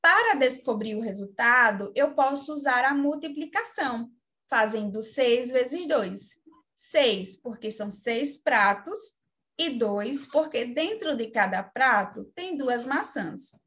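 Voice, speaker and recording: A Brazilian woman teaching young children in a remote lesson, explaining calmly step by step. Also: a little high, slow pace. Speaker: primary school teacher.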